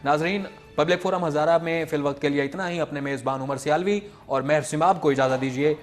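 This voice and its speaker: A male talk show host with a notably high voice grills his guest with pointed rhetorical questions. Faint music sits under his voice. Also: steady tone. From Pakistan. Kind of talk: live call-in talk show.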